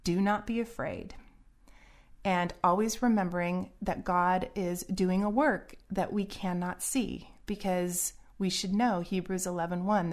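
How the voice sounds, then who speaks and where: A middle-aged woman giving earnest, preachy solo commentary in a warning tone. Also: lowish voice.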